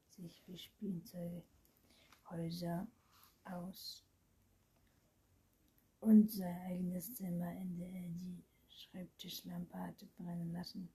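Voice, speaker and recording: Woman storybook narrator, slow and soft, low dark breathy voice. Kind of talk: storybook reading.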